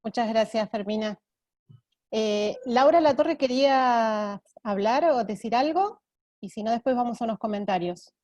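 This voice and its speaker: A woman's voice: fairly high pitch, unhurried, darkish tone. A woman who moderates an online meeting and hands turns to speakers in short, friendly remarks.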